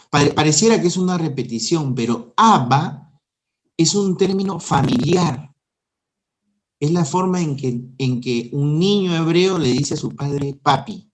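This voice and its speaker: Husky man giving a tender Bible teaching. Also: fairly high pitch, rough recording. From Peru. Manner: earnest and tender, swings from loud emphasis to near whisper. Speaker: preacher.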